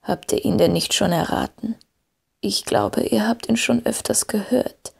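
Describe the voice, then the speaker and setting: A woman voicing an old male wizard who speaks slowly and gravely, calm and wise. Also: medium pitch, full character voice. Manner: slow, grave, measured speech.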